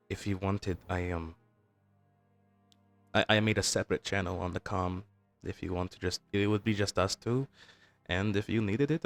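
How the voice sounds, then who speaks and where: A man voicing a soft-spoken, hesitant teammate who offers support over a comm line, talking quietly and haltingly. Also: on the low side, vocal fry, no room sound.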